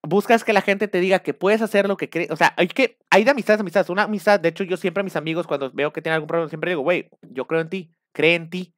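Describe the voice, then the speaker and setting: A man with a Mexican accent talking casually on a live stream, rambling and animated. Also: high-pitched, very fast, few pauses, dry recording, clean studio sound. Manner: rambling, animated, acts out shouted quotes.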